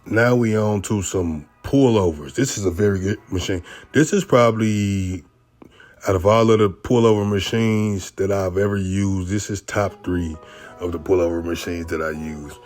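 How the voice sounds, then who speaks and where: A man with a low, deep voice talks through his training in a laid-back coaching tone. He explains his technique conversationally and keeps checking in with the listener, with faint music playing underneath. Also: moderate pace. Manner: relaxed, conversational, repeats "you know what I mean". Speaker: bodybuilder narrating his workout. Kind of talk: casual instructional voice-over.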